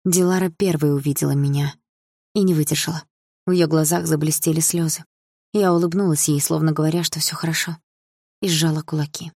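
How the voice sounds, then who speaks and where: A woman narrating a first-person novel as an audiobook, in a tense, steady manner. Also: low voice, brisk, husky, no echo, clean studio sound.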